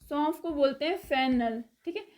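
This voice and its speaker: A woman giving a casual vocabulary lesson, repeating each word slowly, spelling it out letter by letter and checking in after each item. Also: high voice, a little mellow. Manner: says "theek hai" after nearly every item. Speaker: spoken English teacher.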